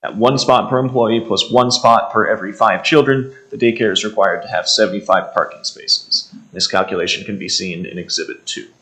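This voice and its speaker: A man's voice: fairly low pitch, a little fast, few pauses, sharp tone, poor audio. An American man formally presenting a staff report, methodically reading out details with frequent hesitations. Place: indoor township meeting room.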